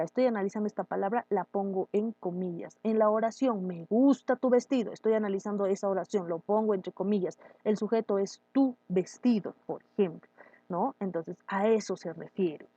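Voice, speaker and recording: A woman teaching a grammar lesson, explaining step by step and checking in often with quick questions. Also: mid-range voice, warm tone, dry recording, dull audio.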